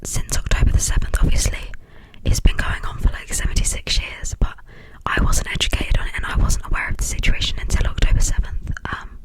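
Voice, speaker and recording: A young adult from the United Kingdom speaks in a hushed, breathy whisper, rambling informally and hesitantly in an ASMR style. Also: fairly quick, hardly any pauses, low-quality recording. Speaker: ASMR video creator.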